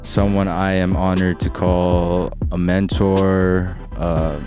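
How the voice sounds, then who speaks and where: A man's voice: deep voice, level tone, slow pace, mellow, soft background music. A young man hosting a podcast, hesitant and filling his questions with "um" and "like". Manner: hesitant, lots of "um" and "like". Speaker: podcast host. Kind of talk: casual interview.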